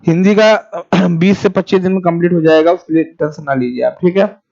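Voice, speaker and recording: A man teaching an online exam class, speaking slowly and repeating key phrases for students to write down, and pausing to answer viewers' comments. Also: high-pitched, steady tone, vocal fry, a little mellow. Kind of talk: live-streamed exam class. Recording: dull lo-fi sound.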